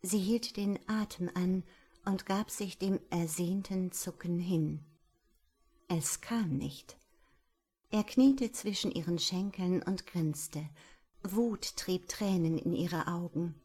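A woman reading an audiobook in a breathy, intimate manner, at times half-whispered. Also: lowish voice, slow, dark tone. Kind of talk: audiobook narration.

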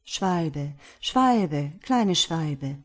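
A woman voicing a gentle, sorrowful statue prince. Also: low voice, expressive, extremely slow, full character voice. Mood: insistent. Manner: earnest, insistent, softly commanding. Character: selfless golden statue prince, gentle and sad. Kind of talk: audiobook fairy tale reading.

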